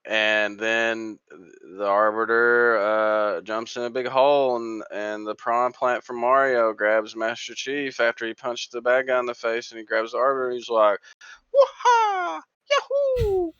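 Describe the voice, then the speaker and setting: A man's voice: mid-range voice, little pitch movement, normal speed, bright, forceful tone, smooth, no room sound, lo-fi sound. A man co-hosting a podcast, summarizing a story in a rambling, jokey way with lots of ums. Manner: rambling, jokey plot summary with many fillers. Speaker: podcast co-host. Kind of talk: casual chat.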